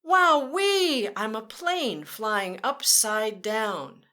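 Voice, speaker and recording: Her voice is a little high, pushed and bright, animated yet extremely slow, as she reads a picture book aloud to children. Speaking directly to them in sing-song fashion at storytime, she throws in playful vehicle noises.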